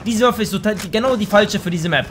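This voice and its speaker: A young man giving live commentary over his shooter gameplay, excitable and slangy, often swearing in annoyance. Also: high voice, fast talker, noisy background. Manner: slangy, says "Alter" a lot. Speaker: let's play gamer. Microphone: gaming microphone.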